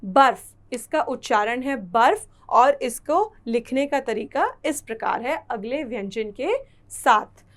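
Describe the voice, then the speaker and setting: A woman teacher with a high voice leads a lesson for children. She talks at an unhurried pace and repeats each word with care so young learners can follow. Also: lively intonation. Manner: slow, careful explanation with repeated words.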